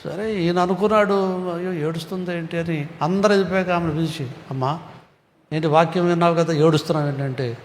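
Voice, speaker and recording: A man preaching a sermon, swinging from loud rises to soft drops. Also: on the high side, fairly even intonation, a little fast, a little hiss or hum. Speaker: pastor. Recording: long hall reverb.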